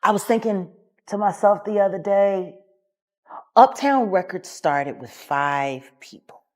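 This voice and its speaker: A man telling a story slowly and deliberately, with dramatic pauses. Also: high voice. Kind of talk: casual storytelling.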